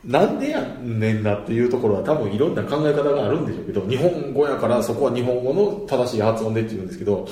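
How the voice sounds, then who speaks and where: A man's voice: medium pitch, big pitch swings, fast talker, hardly any pauses, warm tone. A man with a Kansai accent talking through his views in a casual, chatty monologue, often laughing between points. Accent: Kansai Japanese. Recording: roomy echo.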